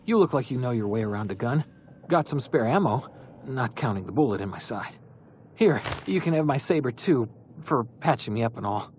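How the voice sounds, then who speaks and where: An actor playing a wounded, hapless corporate guard in a video game, chatty and colloquial in a pained way. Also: male voice, medium pitch, expressive, brisk, darkish tone, a little hiss or hum, natural voice. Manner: colloquial, slogan-reciting, pained. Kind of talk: video game character dialogue.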